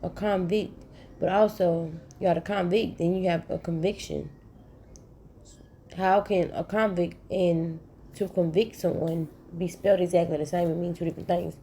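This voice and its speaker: A woman talks to her viewers in a loose, just-woke-up ramble, yawning through her words and showering them with affection. Her voice is mellow and warm rather than bright. A faint hiss of noise sits under the recording. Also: fairly low pitch, normal speed. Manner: sleepy, yawning, relaxed and rambling. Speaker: channel host. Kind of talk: casual morning chat to viewers.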